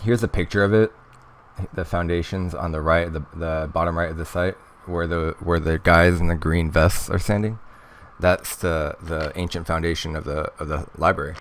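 Host type, deep low voice, loose rambling commentary with ums and restarts. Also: male voice, steady tone, normal speed, slight background noise. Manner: rambling, hesitant, lots of fillers and restarts. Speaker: host of a history news channel. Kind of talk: casual commentary reading articles.

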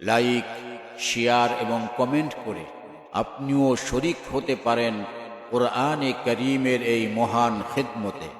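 A man teaching Quran reading, spelling out syllables slowly in a chanted, sing-song drill. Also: mid-range voice, steady tone. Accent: Bangladeshi Bengali. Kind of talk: slow chanted letter drill. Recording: roomy echo with long reverb.

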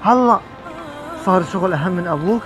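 A man's voice: high-pitched, brisk, music in the background, lightly acted, low-quality recording. A man playing an aging father in a street drama, speaking in an emotional, pleading way. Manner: emotional, pleading, rising to shouts. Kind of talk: amateur street drama acting.

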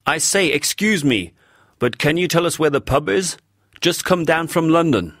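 A man reading aloud and voicing a polite, wry police detective with a low, jovial manner. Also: animated, normal speed, no room sound, studio quality. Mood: mock-posh. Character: polite, genial Scotland Yard detective, man.

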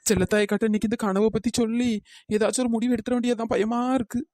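A woman voicing a frightened, whiny village woman in a cartoon comedy, talking fast in pleading village chatter. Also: fairly high pitch, steady tone, dark tone, no echo, studio quality, close to an everyday voice. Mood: scared. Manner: fearful, pleading village chatter with drawn-out calls. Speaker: cartoon character.

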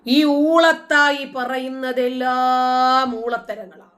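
A woman's voice: high-pitched, level tone, very slow, a bit bright. A woman with a Malayali accent giving scornful commentary, full of mocking rhetorical questions, sometimes chanting quoted verses. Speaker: host. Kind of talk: casual commentary.

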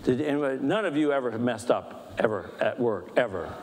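Jovial pastor in an echoey church hall. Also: male voice, mid-range voice, a little fast, slight background noise. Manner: animated, jokey, asks the group questions. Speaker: pastor leading a book discussion. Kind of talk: casual storytelling talk. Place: church meeting room.

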